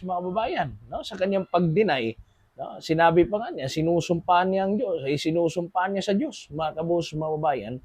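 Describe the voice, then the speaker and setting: A man's voice: high voice, no echo, highs cut off. Filipino man giving chatty news commentary. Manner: repeats the audience address over and over, with many fillers. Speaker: political commentary host.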